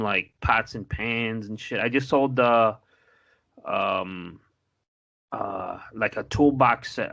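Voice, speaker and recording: A married adult man co-hosting a podcast tells a story in loose, profane, casual conversation, full of fillers and restarts. His voice is on the low side with a sharp tone.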